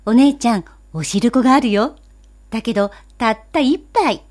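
A woman voicing a small, excitable boy in a storybook reading, talking loudly and bluntly. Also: on the high side, normal speed, voice pushed up. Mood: eager. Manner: loud, eager, boyish.

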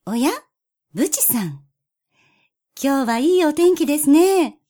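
A chirpy little female warbler, voiced by a woman reading a storybook who talks in a prim, teasing lilt. Her voice sits very high and leaps around playfully. She speaks slowly and daintily, like a tale told to children. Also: sing-song, dark tone. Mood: cheerful. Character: cheerful, wary female bush warbler.

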